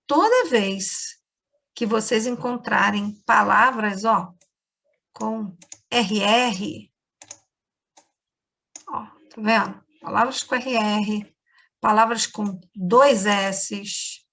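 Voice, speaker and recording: A woman's voice: medium pitch, extremely slow, vocal fry, long pauses, fairly bright tone. A woman teacher with a Brazilian Portuguese accent, giving a lesson to children and explaining each step patiently. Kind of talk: remote class lesson for children.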